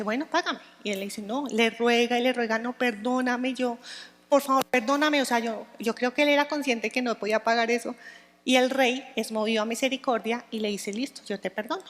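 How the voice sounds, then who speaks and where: A woman's voice: on the high side, fairly quick, long reverb tail. A woman teaching the Bible to a women's group, speaking conversationally and often checking in with her listeners.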